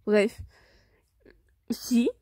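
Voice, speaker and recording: A woman's voice: drawn-out words, mellow, no echo, clean studio sound. A woman casually reading a fan story aloud, stumbling over words, correcting herself and mocking her own reading. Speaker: fan fiction reader.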